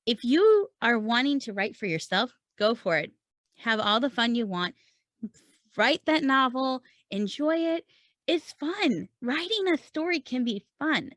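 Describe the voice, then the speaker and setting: In clean, echo-free studio sound, a woman with a high, slightly bright voice speaks in a very animated yet unhurried way. As a podcast host and writing coach, she teaches informally and conversationally, breaking things down step by step and answering the questions she puts to her audience.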